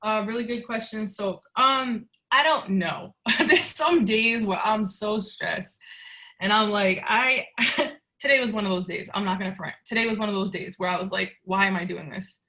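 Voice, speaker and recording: A woman's voice: mid-range voice, normal speed, pushed and bright. A young woman on a roundtable panel, speaking candidly and chattily. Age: young adult. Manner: candid and chatty, laughing easily. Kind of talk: roundtable discussion.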